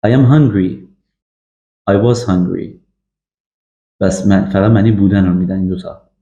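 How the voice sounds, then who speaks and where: A man giving an English grammar lesson, drilling example sentences slowly with frequent fillers. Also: deep voice, fairly even intonation, warm tone. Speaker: English teacher. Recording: echoey, dull lo-fi room recording.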